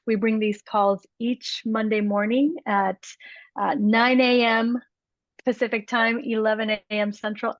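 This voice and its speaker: A woman's voice: fairly high pitch, no echo. A woman hosting a weekly call, enthusiastically introducing a guest speaker with fillers. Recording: dull, dry call audio.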